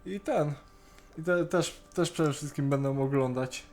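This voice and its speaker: On a Skype call, a male co-host talks about an animated series in a relaxed way, often stuttering over and restarting the first sounds of words. His voice sits a little high and he speaks unhurriedly, with soft music playing in the background.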